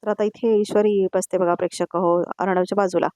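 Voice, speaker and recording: A woman narrating a voice-over review of a TV serial episode, retelling scenes quickly and often addressing the viewers. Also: medium pitch, flat delivery, mellow, dry recording.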